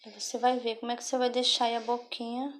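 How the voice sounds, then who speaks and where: A woman's voice: fairly high pitch, flat delivery, quick pace, a bit bright. A woman giving a patient step-by-step craft tutorial, often checking in with the viewer. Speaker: craft instructor.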